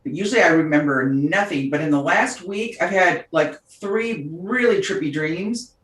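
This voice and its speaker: A fairly low-voiced woman speaking at a moderate pace co-hosts a laid-back podcast, telling an animated story with frequent bursts of laughter. The sound comes from a distant mic in a roomy setting.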